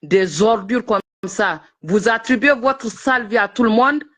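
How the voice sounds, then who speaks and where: A woman's voice: a little high, lively intonation, unhurried, fairly bright tone. A woman who is a guest on a live stream, ranting indignantly and hurling insults. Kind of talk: heated live-stream chat.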